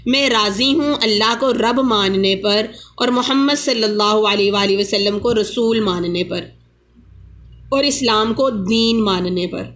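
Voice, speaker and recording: A woman teaching a religious lesson, explaining slowly and repeating the key rules. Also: medium pitch, fairly bright tone. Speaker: Quran teacher.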